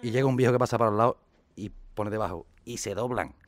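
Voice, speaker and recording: A man from Spain telling short jokes casually, lively and acting out the characters. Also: fast talker, very noisy. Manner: lively, acts out the characters with shifts in pitch. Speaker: joke teller.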